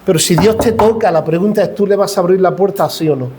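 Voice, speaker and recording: A man with a high voice and an Andalusian Spanish accent preaches to his congregation. He acts out dialogue and keeps asking the church questions in an impassioned, fervent sermon delivery. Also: quick pace, mellow, a little hiss or hum. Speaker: pastor.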